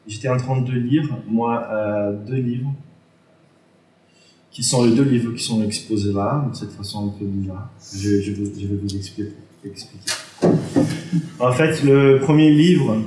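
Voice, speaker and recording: Hesitant deep-voiced man with foreign-accented French. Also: fairly even intonation, unhurried, a little mellow. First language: not a native French speaker. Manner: hesitant, self-correcting, searching for words. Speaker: artist presenting an exhibition. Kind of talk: informal spoken presentation. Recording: roomy echo, distant microphone.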